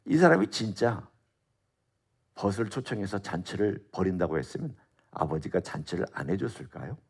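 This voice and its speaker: A man's voice: low voice, expressive, moderate pace, husky. A middle-aged male pastor giving an expository Bible sermon at a dawn prayer service, talking conversationally and asking his listeners questions. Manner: conversational preaching with rhetorical questions.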